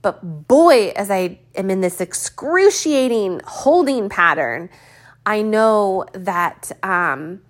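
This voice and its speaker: A woman in her early forties talking candidly in a reflective personal vlog, thinking aloud with pauses and fillers. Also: medium pitch, lively intonation. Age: 40s. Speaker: vlogger.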